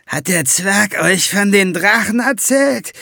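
Man doing a ferryman voice, greedy, hard of hearing, pitched high, slow and whiny, gravelly, audiobook. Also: expressive, pushed and bright, no room sound, clean studio sound, full character voice. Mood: ominous. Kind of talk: audiobook reading.

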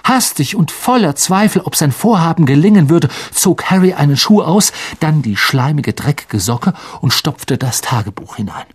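An audiobook reader narrating a story in an unhurried, expressive way. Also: mid-range voice, breathy edge.

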